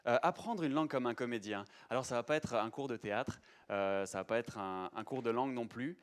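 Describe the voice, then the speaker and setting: In a mid-range voice and at a brisk clip, a young man presents to a lecture-room audience. His chatty conference talk keeps stalling and restarting.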